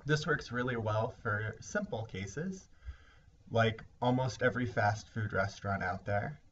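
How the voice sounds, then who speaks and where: A man teaching a recorded lesson, explaining ideas step by step in a measured way. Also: medium pitch, a bit bright. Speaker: instructor. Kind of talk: recorded lecture. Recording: slightly dull lo-fi recording with faint hiss.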